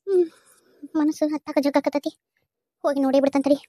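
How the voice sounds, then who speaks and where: A woman's voice: sits high, steady tone, quick pace, mellow, no echo, studio quality, lightly acted. A woman voicing a fretful village grandmother in a cartoon, fussing and scolding in a North Karnataka accent. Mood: worried. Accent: North Karnataka Kannada. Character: fretful village grandmother, doting on crying baby. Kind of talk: cartoon voice acting.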